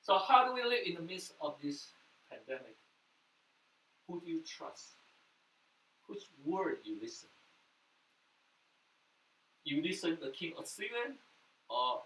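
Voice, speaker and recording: His voice a little high, a pastor whose first language is Mandarin preaches earnestly in an echoey room, with sudden loud bursts followed by soft drops. The mic sits at a distance and faint noise is audible.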